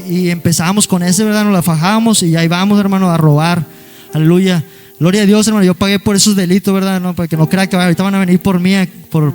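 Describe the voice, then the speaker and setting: A young man with a high-pitched voice tells his story to a congregation. He talks haltingly, repeating words and dropping in short asides to his listeners. Soft instrumental music plays quietly behind him. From Monterrey area, Mexico. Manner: halting, repeats words, keeps adding "hermano" and "¿verdad?"; peppers his talk with "aleluya". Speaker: guest giving a church testimony. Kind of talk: personal testimony to a congregation.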